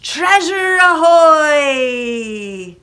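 A woman's voice: a little high, steady tone, measured pace, vocal fry, sharp tone, pitched above the performer's own voice, full character voice. A woman voicing a brave, hearty male pirate captain from a children's storybook, hollering bold orders. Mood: jubilant.

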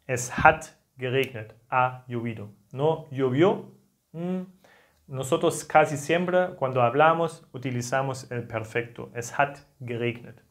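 A man with a German accent, German by first language, teaching a language lesson with slow explanations that often end in a tag question. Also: medium pitch.

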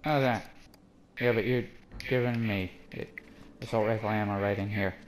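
A man's voice: fairly low pitch, steady tone, normal speed, poor audio. A young man chatting casually as he plays a co-op video game with a friend. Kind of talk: casual co-op gameplay chat. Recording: faint game ambience behind.

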